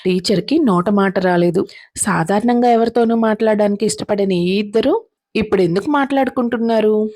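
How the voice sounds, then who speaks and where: A woman narrating a serialized drama story in a steady, dramatic reading style. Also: mid-range voice, fairly quick, dry recording, studio quality.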